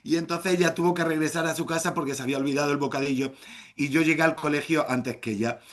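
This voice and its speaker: A middle-aged man telling a humorous story live, playful and theatrical, with shouted exclamations. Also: a little high, steady tone, fast talker.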